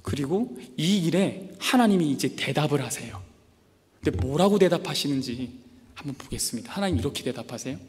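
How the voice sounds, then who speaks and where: A man's voice: on the high side, expressive, fairly quick, a little mellow, in a large hall. A man preaching a devotional sermon, acting out pleading prayers and complaints with rising intensity. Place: church camp meeting hall.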